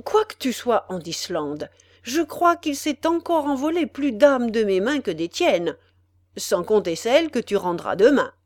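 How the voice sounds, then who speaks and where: A greedy male executioner haggles with haughty relish, his voice leaping high and loud, as a woman reader puts him on. The sound is dry and close. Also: sing-song, unhurried, dry recording. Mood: haggling.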